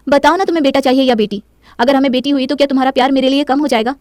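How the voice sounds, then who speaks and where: A woman's voice: high-pitched, racing, darkish tone, no echo, lightly acted. A woman voicing a timid, anxious young pregnant wife who speaks hesitantly. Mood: pleading. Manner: hesitant, pleading.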